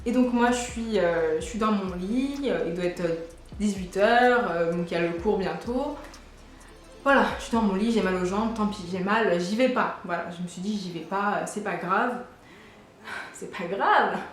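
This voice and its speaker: A woman's voice: mid-range voice, normal speed. A woman in her twenties telling a personal story casually, full of fillers and restarts. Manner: chatty, many fillers and restarts. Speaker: vlogger. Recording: very echoey room with faint noise.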